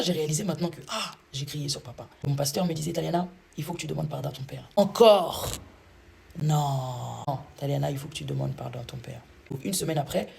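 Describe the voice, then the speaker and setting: A young woman tells her own faith story in a quick, earnest rush. Her voice is gravelly and a little husky. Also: deep voice, darkish tone. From Congo. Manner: earnest first-person storytelling. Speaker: vlogger giving a testimony. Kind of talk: personal faith testimony.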